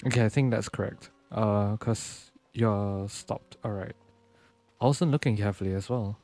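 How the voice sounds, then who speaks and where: With game music playing, a fairly low, dark-toned male voice moves at a moderate pace. He's a young streamer and virtual YouTuber chatting casually through his gameplay, relaxed and thinking out loud.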